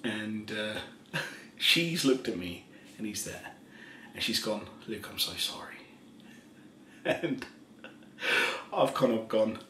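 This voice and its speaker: A tipsy man in his thirties telling a rambling ASMR story in a soft voice, chuckling often and slipping into half-whispers. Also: on the low side, expressive, drawn-out words, long pauses. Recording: roomy echo, faint background hiss.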